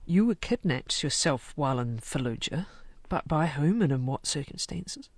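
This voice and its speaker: A man's voice: a little high, lively intonation, moderate pace, no echo. Man asking direct interview questions.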